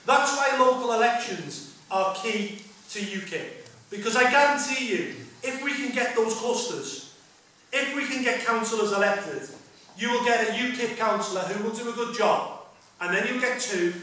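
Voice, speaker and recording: A man's voice: high-pitched, pushed and bright. A man giving an emphatic political speech to a public meeting, building points through repetition, in a hotel function room. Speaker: party speaker. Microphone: far camera. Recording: echoey hall from far off, faint murmur.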